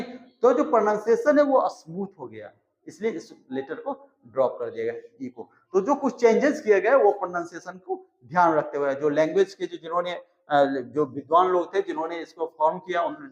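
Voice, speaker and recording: A man with a fairly high voice teaches an English grammar lesson. He spells out letters and repeats each word slowly to show how it is pronounced. The recording sounds roomy and a little muffled. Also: lively intonation. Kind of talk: explanatory lesson. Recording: echoey, slightly dull recording.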